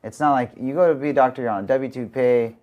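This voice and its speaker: A man's voice: medium pitch, fast talker, a little mellow, muffled recording. A man hosting a podcast, chatting casually and asking long, rambling questions full of "like". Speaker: podcast host.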